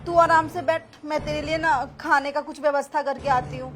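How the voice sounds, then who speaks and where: A woman's voice: sits high, fairly even intonation, a little fast, noisy background, close to an everyday voice. A woman playing a scheming middle-aged mother-in-law who talks in a pleading, whiny way.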